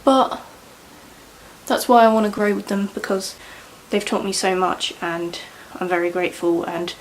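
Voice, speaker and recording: Young woman, mid-pitched, rambling get-ready-with-me chatter, faint hiss behind. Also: fairly even intonation, moderate pace, poor audio. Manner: rambling, chatty, lots of "like" and "you know". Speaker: beauty vlogger. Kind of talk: casual chat while doing makeup. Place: indoors at home, doing makeup.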